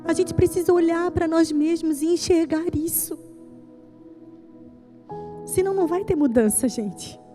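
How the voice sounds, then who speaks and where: A woman pastor preaching a sermon at a church service. She stresses her points by repeating lines and tells stories with lively, voiced dialogue. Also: very high-pitched, a little slow, long pauses, music in the background.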